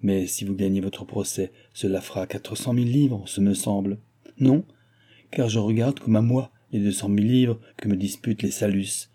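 A man's voice: on the low side, steady tone, normal speed, mellow, breathy edge. A man reading the lines of a cunning old noblewoman who complains of her pain and bargains shrewdly. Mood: firm. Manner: plaintive, guarded, shrewd bargaining.

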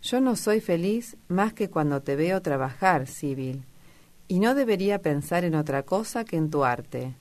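A woman's voice: lowish voice, lively intonation, unhurried, a little mellow. A woman voicing an old, worn mother in an audiobook, plaintive and scolding. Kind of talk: audiobook character reading.

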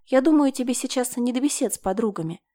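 A woman voicing an irritated young male bodyguard who speaks in a low, curt, restrained way. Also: lively intonation, quick pace, warm tone, close to an everyday voice. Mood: stern.

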